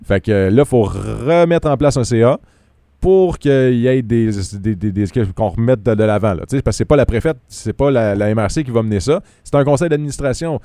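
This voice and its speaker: Fast-talking Quebec radio newsman. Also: mid-range voice, warm tone, no echo, studio quality. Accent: Quebec French. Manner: quick, chatty, restarts and fillers. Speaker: radio news host. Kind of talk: news report and casual radio chat.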